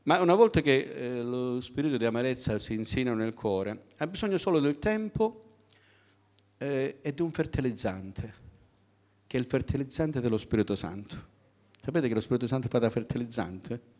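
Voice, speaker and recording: A man's voice: mid-range voice, expressive, moderate pace, a little mellow. A middle-aged man preaching a sermon in a conversational way, often asking the congregation questions.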